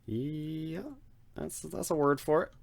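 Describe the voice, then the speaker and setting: A man co-hosting a casual gaming podcast, animated and laughing often, with self-deprecating jokes. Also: a little high, takes it slowly, gravelly. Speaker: podcast co-host.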